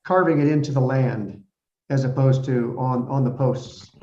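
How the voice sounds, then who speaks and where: A man's voice: medium pitch, mellow. A man on the zoning board asking a hesitant question over a video call, stopping often to say uh. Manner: hesitant, halting with many uhs. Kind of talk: public meeting question. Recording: roomy, muffled video call audio.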